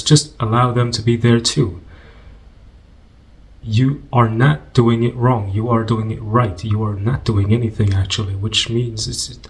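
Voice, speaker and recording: Gently instructing at an unhurried pace, a man talks listeners through a guided meditation in a casual, conversational style. His pitch sits in the middle range, and he pauses often.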